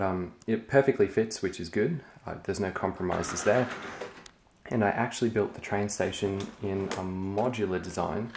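Young man, lowish voice, casual show-and-tell vlogger, echoey carpeted room. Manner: relaxed, chatty, frequent ums. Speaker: LEGO hobby vlogger. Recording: echoey room, faint noise.

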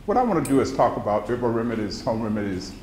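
A man's voice: medium pitch, very animated, fast, darkish tone. A man in his seventies with a Mississippi accent, giving an informal, folksy public lecture with personal recollections. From central Mississippi, US. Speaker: guest lecturer, retired pharmacology professor. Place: indoor lecture room with seated audience. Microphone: podium microphone. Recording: roomy echo, background noise, live hall.

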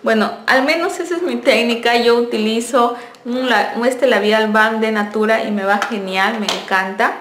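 A woman's voice: fairly high pitch, moderate pace, few pauses, fairly bright tone, slight background noise. A young woman, chatting in a friendly way as she reviews a beauty product and corrects herself as she goes. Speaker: beauty vlogger. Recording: echoey room.

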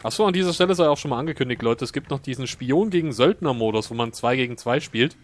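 A man's voice: mid-range voice, animated, quick pace. A young man chatting colloquially and jokily as he comments on a co-op video game. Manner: jokey, colloquial. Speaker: Let's Play host. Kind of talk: casual co-op gaming commentary. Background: video game ambience.

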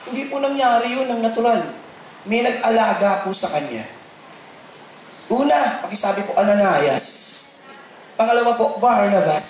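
A middle-aged Filipino man preaching a sermon as pastor, animated and mixing in English, at times rising to shouts. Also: high voice. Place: large church hall. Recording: very echoey hall with faint noise.

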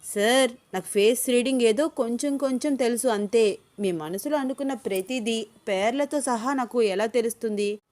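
Ananya, a woman reading as a lively young woman. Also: a little high, normal speed, lightly acted. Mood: insistent. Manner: lively, indignant protests. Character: young woman, lively, quick-tongued office worker. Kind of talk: storybook reading.

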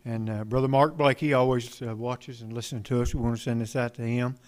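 A man from a gospel group making casual stage talk in a rambling, halting way with many fillers. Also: mid-range voice, fairly even intonation.

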